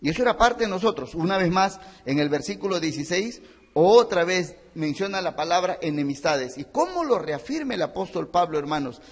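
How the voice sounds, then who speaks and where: A man's voice: sits high, very animated, brisk, big-room sound. A man preaching a sermon in a church, earnest, addressing listeners as brothers and acting out stories. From Peru. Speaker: pastor.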